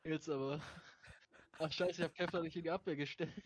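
A man chatting casually with teammates during an online football game, laughing often, swearing and shouting at teammates over a headset. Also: fairly high pitch, steady tone, brisk. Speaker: gamer playing online football. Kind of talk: casual gaming chat.

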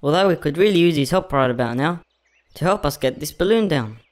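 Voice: mid-range voice, animated, a little fast, close to an everyday voice. An actor voicing a squabbling, possessive little boy in a children's cartoon, in a childish, whiny manner. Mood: polite.

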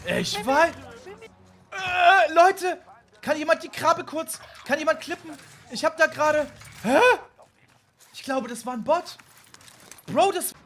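A man in his thirties streaming a game, shouting excited, panicked reactions into a desk microphone in a small room. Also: very high-pitched, takes it slowly, pauses often. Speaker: gaming streamer. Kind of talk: excited live gameplay reaction.

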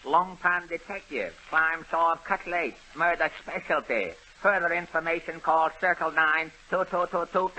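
Here the same 1930s radio comedy character, the bumbling male detective Longpan with his pidgin talk, comes through an old, noisy broadcast. The man's fairly high voice is bright and forceful, moving at a normal speed with hardly any pauses. He sounds pompous, clipping his sentences into broken bits and laughing at his own puns.

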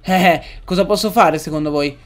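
Excitable high-voiced young man gaming. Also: normal speed. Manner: excitable, yells and swears at the game. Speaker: gaming let's-player. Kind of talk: casual gameplay commentary.

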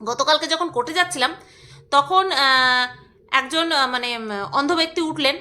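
Very high bright woman rambling on her vlog, casual and giggly. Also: moderate pace. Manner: chatty, rambling, laughs often. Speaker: vlogger. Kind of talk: casual chat with snatches of singing.

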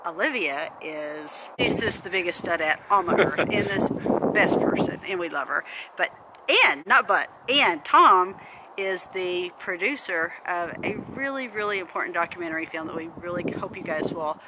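A woman's voice: lowish voice, expressive, moderate pace. A woman co-hosting a vlog gives an enthusiastic introduction, gushing and stumbling over her words. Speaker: vlog co-host. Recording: loud outdoor noise.

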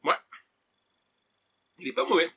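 A man's voice: a little slow, bright, forceful tone, a little hiss or hum. A man casually chatting while unboxing and tasting snacks on camera, hesitant and full of fillers. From France. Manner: chatty, hesitant, many "euh" and "voilà". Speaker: vlogger tasting food.

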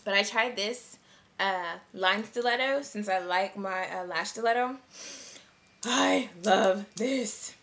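A young woman chats her way through a makeup review at her own easy pace. She rambles and fills her sentences with likes and ums. Her voice sits at an ordinary middle pitch. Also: a little slow, a bit bright. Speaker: beauty vlogger.

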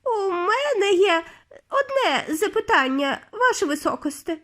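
A woman voicing a female witch asking a question in a high, slow, whiny voice. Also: very animated, a bit bright, exaggerated voice.

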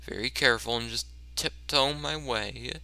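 A man's voice: medium pitch, normal speed, creaky, no room sound. A man giving casual, self-mocking commentary over a video game, stammering and restarting often. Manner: excited yelps during tense moments. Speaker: let's play commentator.

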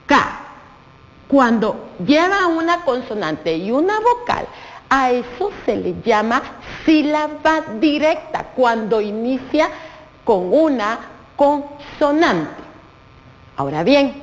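Guatemalan woman, primary teacher on TV; slow, patient, sing-song delivery, a bit high, in a reverberant room. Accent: Guatemalan Spanish. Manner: patient, sing-song, drawn-out explanations, spells out sounds. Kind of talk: slow televised classroom lesson for young children.

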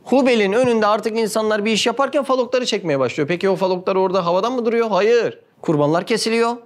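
A man with a notably high voice gives a religious talk in storytelling form. He keeps asking his listeners rhetorical questions and acts out the quoted dialogue with lively, shifting delivery. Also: quick pace. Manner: animated, asks the audience frequent rhetorical questions. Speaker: religious speaker.

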